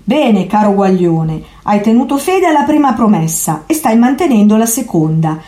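A woman's voice: medium pitch, sing-song, normal speed, mellow, voice pushed up, close to an everyday voice. A woman voicing a bossy, pompous older male cat who speaks formally and gives commands, reading a storybook aloud. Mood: commanding. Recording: echoey room.

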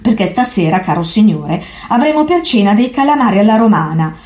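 A woman's voice: medium pitch, big pitch swings, brisk, a little mellow, pitched above the performer's own voice, lightly acted. A woman voicing a bossy, pompous older male cat who speaks formally and gives commands, reading a storybook aloud. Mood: commanding. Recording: echoey room.

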